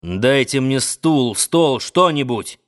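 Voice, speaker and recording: A man voicing a forceful, decisive tycoon who barks orders in a hoarse voice. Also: medium pitch, animated, slow. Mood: commanding. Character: commanding middle-aged tycoon, forceful and decisive.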